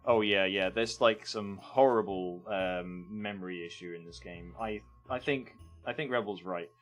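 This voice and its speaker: A man's voice: sits low, normal speed, soft background music. A man casually reviewing games on a live stream, rambling and hesitant with lots of ums.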